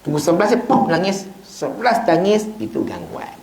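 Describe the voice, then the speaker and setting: In the prayer hall of a small mosque, an ustaz with a Malaysian Malay accent gives an informal evening lecture, telling stories and acting out small dialogues with joking asides. His voice is high-pitched, lively, a little mellow and fry-tinged at a moderate pace, and the recording is roomy and rough.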